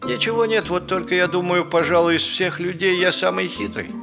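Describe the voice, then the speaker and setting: A man's voice: high-pitched, fairly quick, creaky, over music, voice pushed up. A storyteller voicing a boastful man who thinks he is the cleverest of all.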